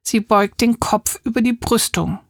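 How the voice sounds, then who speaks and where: Gravelly woman narrating a children's audiobook. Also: fairly high pitch, unhurried, no echo, clean studio sound. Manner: lively, voices the characters.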